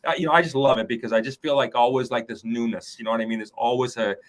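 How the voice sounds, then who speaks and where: A man's voice: mid-range voice, steady tone, quick pace. A man hosting an online talk show, speaking enthusiastically and rambling along. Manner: enthusiastic, rambling with many fillers. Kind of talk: casual chat.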